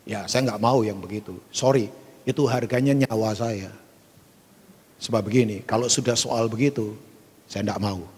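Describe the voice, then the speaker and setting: A male pastor preaching a sermon, animated and acting out stories with big jumps in pitch. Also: normal speed, long pauses, slight background noise. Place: church hall. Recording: long hall reverb.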